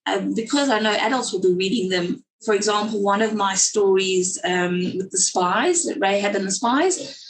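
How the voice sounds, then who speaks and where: A South African woman, a children's story writer and guest speaker on a webinar video call, talks casually at a normal speed in a mid-range voice. She rambles with plenty of fillers and restarts. The low-quality recording carries slight background noise.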